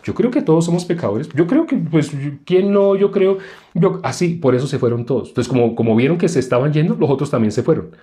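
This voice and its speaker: Mellow-voiced man preaching a sermon. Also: on the high side, expressive, a little fast. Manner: conversational and explanatory, with rhetorical questions.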